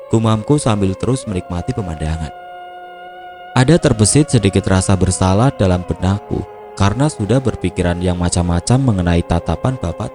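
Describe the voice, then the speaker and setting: A man calmly reading a first-person mystery story in scripted narration. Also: low voice. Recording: music playing behind.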